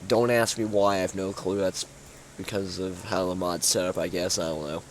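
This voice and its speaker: Low and fairly flat in pitch, a young man speaks at a normal pace over a faint hiss or hum. He's a gaming YouTuber giving a sleepy, yawning walkthrough of his own in-game build, full of fillers and false starts.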